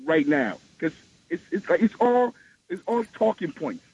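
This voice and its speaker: A man's voice: a little high, very animated, unhurried, a little mellow. A man calling in to a talk radio show over the phone, speaking in an impassioned, emphatic way that repeats his points. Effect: heard over the phone. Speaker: radio call-in caller. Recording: dull phone line with faint hiss.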